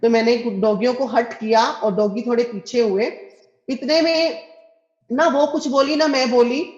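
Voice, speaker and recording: A fairly high-voiced, middle-aged woman tells a personal devotional testimony in an earnest way. She speaks straight to her listeners and acts out every line of dialogue. The recording is echoey and dull, with a lo-fi sound. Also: steady tone, a little slow, darkish tone.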